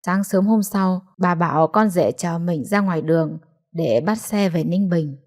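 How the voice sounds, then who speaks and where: A woman narrating a family story in a steady, measured storytelling voice. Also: fairly low pitch. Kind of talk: scripted narration.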